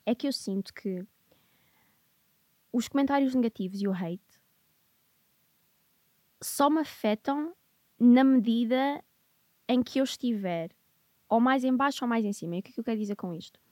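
Chatty woman host, higher voice. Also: normal speed, long pauses, no echo. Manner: chatty and animated, mixing in English phrases. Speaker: podcast host. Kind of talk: casual podcast conversation.

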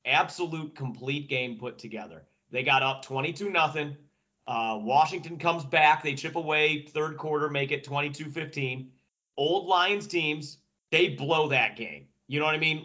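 A man's voice: on the high side, normal speed. A man giving casual sports commentary as a podcast panelist, colloquial and emphatic like an invested fan, often repeating phrases. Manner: animated fan talk, emphatic repetition, colloquial. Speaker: podcast panelist and football analyst.

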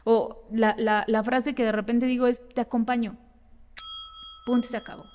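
Animated woman therapist in an echoey room. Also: a little high, brisk. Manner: animated, explains with acted-out examples. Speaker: psychotherapist guest. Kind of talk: conversational advice in a podcast.

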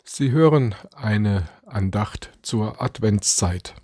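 A man reading an Advent devotion aloud as a preacher, slow and deliberate, giving quoted lines some drama. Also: fairly low pitch, expressive, darkish tone, slightly rough, no echo, studio quality.

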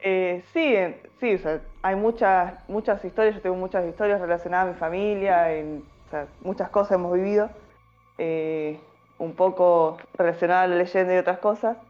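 A woman's voice: fairly low pitch, fairly even intonation, moderate pace, soft background music. Hesitant woman, lo-fi. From Salta, Argentina. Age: 30s. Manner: hesitant, many "eh" fillers. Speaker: guest storyteller. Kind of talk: casual storytelling interview.

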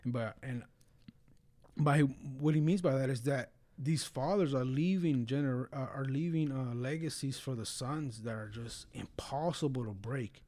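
Speaking at a measured pace in a mid-range, slightly mellow voice, a man discusses religion casually and earnestly. His bluntness comes with plenty of slang and fillers, often "bro" and "you know."

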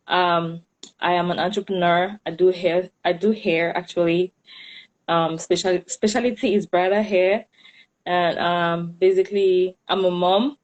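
A woman's voice: on the low side, steady tone, measured pace, dull audio. A woman from Cameroon with a Cameroonian accent, talking casually as an interview guest and often repeating and rephrasing as she goes. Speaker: interview guest, hairstylist and entrepreneur.

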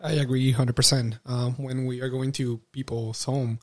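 A man's voice: mid-range voice, little pitch movement, moderate pace, darkish tone, dry recording, studio quality. A man working as a veterinarian, answering interview questions in an earnest, reassuring way and repeating himself for emphasis.

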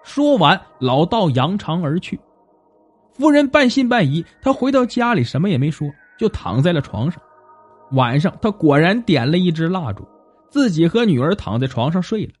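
A man narrating a folk tale in an animated, expressive way. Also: fairly high pitch, moderate pace, husky, faint music behind. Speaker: storyteller.

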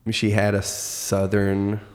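Man, low voice, casual storytelling host, restarts a lot, long echo. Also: takes it slowly. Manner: relaxed, storytelling, many restarts. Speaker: podcast host. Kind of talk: casual chat.

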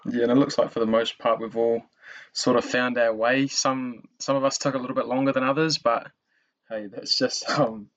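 A man's voice: mid-range voice, fairly even intonation, moderate pace, a bit bright, dull audio. A young man with a broad New Zealand accent chatting casually as a podcast host, matey and slangy, saying bro and man often. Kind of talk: casual interview chat.

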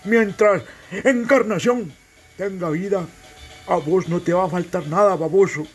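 A man playing an old grandfather with a Salvadoran accent, gruffly teasing his grandson and calling him a fool with affection. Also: high-pitched, measured pace, soft background music. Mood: gruff tender.

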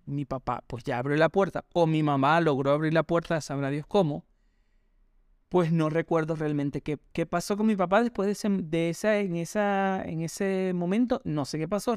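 Man telling a reflective story, smooth voice. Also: a little high, darkish tone, no echo, clean studio sound. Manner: reflective, rambling anecdotal storytelling, addresses listeners directly. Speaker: podcast host. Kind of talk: personal storytelling podcast monologue.

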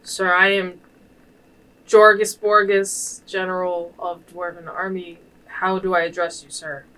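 A woman playing a stern, self-important dwarven general in a tabletop game, speaking formally and deliberately. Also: on the low side, little pitch movement, bright, forceful tone, far from the mic, rough recording. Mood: formal, firm. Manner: deliberate, formal, pulling rank.

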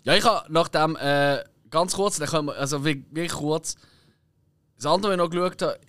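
A young man with a Swiss German accent talks in a chatty, rambling way and laughs often. His voice sits a little high for a man. He is recorded dry and close on a podcast mic. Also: fairly quick, a bit bright, no echo. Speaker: podcast co-host. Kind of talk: casual chat.

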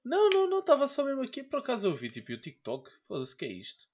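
A man's voice: very high voice, huge pitch swings, fast, a little mellow. A young man with a European Portuguese accent, bantering casually with swearing and slang and acting out mock dialogue.

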